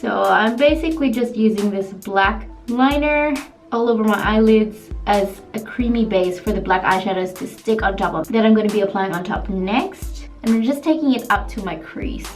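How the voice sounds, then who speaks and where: A woman's voice: mid-range voice, moderate pace. A woman from Australia, a beauty vlogger, talking chattily and laughing at herself while doing a makeup tutorial. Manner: chatty, self-deprecating, laughing often. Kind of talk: casual makeup tutorial and reaction. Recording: background music under the voice. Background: music.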